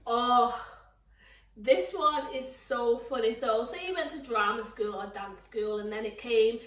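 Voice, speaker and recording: High-voiced, animated young woman. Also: unhurried, reverberant, recorded from a distance. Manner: animated, laughing, jumps into high mocking voices. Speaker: vlogger. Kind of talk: casual storytelling to camera.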